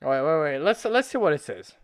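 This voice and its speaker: A drunk livestream host rambling and swearing through casual commentary, getting drunker and prone to excitable shouting. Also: medium pitch, fairly quick, clean tone.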